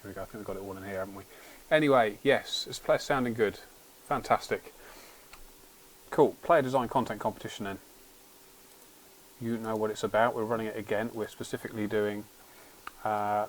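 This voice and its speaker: A man with a lowish voice hosts a livestream, chatting casually as he plays a game, rambling and often restarting sentences. The audio is poor, with slight background noise.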